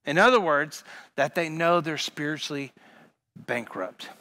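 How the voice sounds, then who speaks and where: Bright, high-voiced preaching man. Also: expressive, unhurried. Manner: emphatic, repetitive preaching with sudden loud punches. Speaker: pastor. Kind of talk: sermon. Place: church sanctuary.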